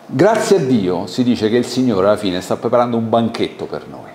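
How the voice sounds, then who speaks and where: A man's voice: lowish voice, fairly quick. Italian guy preaching, voice jumps up and down a lot, echoey church room with a bit of hiss. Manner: animated, conversational preaching with questions to the congregation. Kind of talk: sermon. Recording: echoey church hall with faint background noise.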